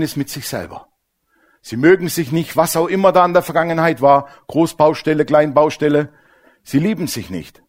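A middle-aged man preaching a sermon in a lively, colloquial way, often asking his listeners questions. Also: a little high.

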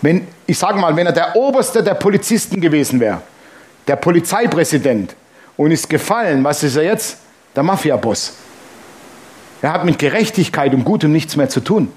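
A man's voice: fairly high pitch, sing-song, normal speed, a little mellow. A man preaching a sermon in standard German, emphatic, asking the congregation questions and dropping joking asides between scripture readings. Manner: jokes and asides while reading scripture aloud. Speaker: pastor.

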